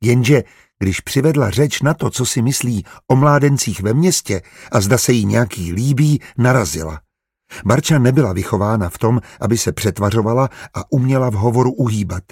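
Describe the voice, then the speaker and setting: Man, audiobook narrator, steady storytelling, mid pitch, husky voice. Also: no room sound, studio quality.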